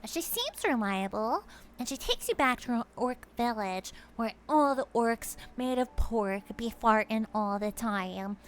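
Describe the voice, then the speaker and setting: A woman's voice: expressive, measured pace, a little hiss or hum. A woman streamer in a goddess persona, telling an improvised comic story in a playful, giggly way. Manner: playful, giggly, swooping pitch. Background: music.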